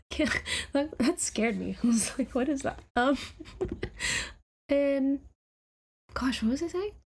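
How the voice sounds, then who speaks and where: A woman's voice: high-pitched, animated, extremely slow, long pauses, slight background noise. A woman live-streaming a reaction to her own old videos, chatting casually in a giggly, scattered, self-mocking way.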